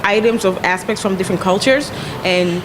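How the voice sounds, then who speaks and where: A young Ghanaian woman, a PR agent appearing as a guest on a panel, talks casually and informally with a medium-pitched voice at a slightly fast pace. She's seated at a table inside a glass-fronted cafe, speaking into a shared handheld interview microphone, with the busy venue clearly audible behind her.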